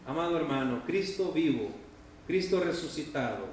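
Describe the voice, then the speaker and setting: A man's voice: on the high side, lively intonation, normal speed, a little mellow. A man pastor giving a sermon in a church hall, emphatic and full of rhetorical questions to the congregation. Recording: very echoey hall, distant mic, faint noise.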